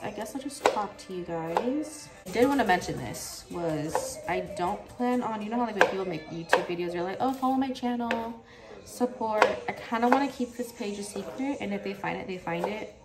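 A woman's voice: mid-range voice, heavy background noise. A woman in her late twenties talking casually and bluntly to her phone camera while she cooks in her kitchen, swearing freely. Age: late 20s. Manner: blunt, profane, chatty. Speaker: vlogger. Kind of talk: casual vlog chat. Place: small apartment kitchen, indoors.

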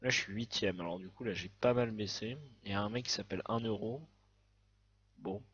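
A man with a low, husky voice gives a casual let's-play commentary, jumping between excited outbursts and swearing at other players. His recording sounds dull and lo-fi, as from a cheap home microphone. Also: brisk. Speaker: gaming video host.

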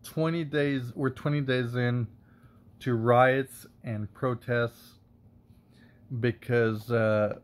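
A man's voice: mid-range voice, fairly even intonation, very slow. A man vlogging, rambling and getting heated, with many fillers and curses. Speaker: wine reviewer and vlogger. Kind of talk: casual rant to camera.

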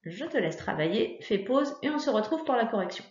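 A woman teacher with a fairly high voice guides young children through a worksheet, patient and encouraging. She pauses on fillers now and then. The sound is roomy and a little dull, as if taped on a basic setup. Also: very animated, a little mellow. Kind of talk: recorded lesson for young pupils. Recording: echoey room, dull lo-fi sound.

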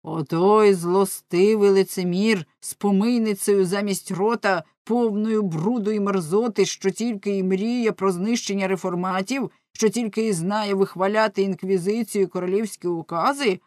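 A woman's voice: on the low side, unhurried, no room sound, studio quality. Woman doing a raging jealous husband. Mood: furious. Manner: shouting, anguished outbursts. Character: jealous hot-tempered middle-aged husband.

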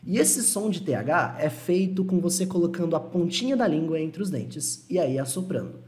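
A young man teaching an online lesson, relaxed and reassuring, repeating words slowly to model pronunciation. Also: on the high side. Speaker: English teacher.

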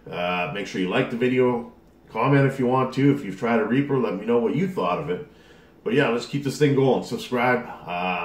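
A man in his thirties chatting casually to camera as a vlog host. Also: mid-range voice. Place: dining room at home. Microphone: camera across the table. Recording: echoey home room.

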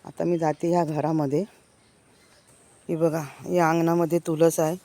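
A woman's voice: low voice, little pitch movement, moderate pace, warm tone, no room sound. Eager woman giving a village walking tour. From Konkan, India. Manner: enthusiastic, keeps urging viewers to look. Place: outdoors in a village, walking between houses. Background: birds chirping.

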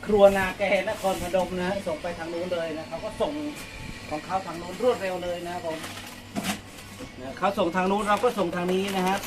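Steady in tone and moderate in pace, a high-pitched male vlogger talks casually during a live vlog. He's packing fan orders in front of a coffee shop and ends every phrase with polite particles.

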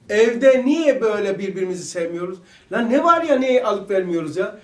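High-voiced man giving a fervent religious lesson. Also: echoey room. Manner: fervent, fires rhetorical questions and sometimes shouts. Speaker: religious teacher.

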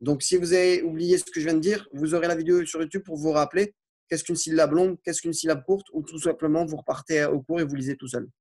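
A man teaching an Arabic lesson, patiently walking through exercises and slowly spelling out Arabic words. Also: fairly high pitch, fairly even intonation, a little mellow. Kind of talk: classroom lesson explaining exercises.

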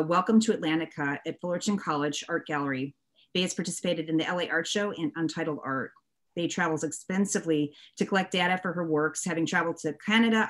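A woman instructor reads a formal introduction of a guest speaker, steady and even, from a home office on a video call. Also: lowish voice. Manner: steady, formal reading of a biography.

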